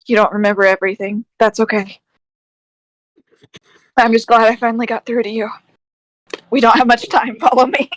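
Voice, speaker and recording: A woman's voice: fairly high pitch, level tone, normal speed, pauses often, no room sound, lightly acted, low-quality recording. A woman voicing a female adventurer in a tabletop game, speaking urgently and coaxingly to a charmed man.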